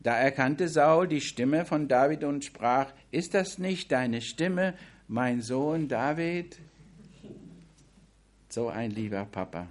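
A man's voice: medium pitch, expressive, slow. A man giving a Bible study sermon, reading scripture aloud and then commenting on it in a conversational way. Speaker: preacher.

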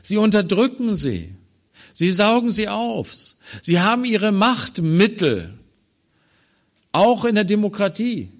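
A man preaching a sermon on a Bible passage, swinging from loud emphatic phrases to quiet low ones. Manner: slow, deliberate delivery.

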